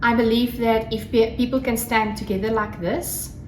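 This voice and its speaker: Her voice is on the high side and steady, moving at normal speed: a South African host, Afrikaans her home language, chatting casually and gushingly alone on her craft podcast, vlog style. There's faint noise, a roomy echo, and a crackling fire.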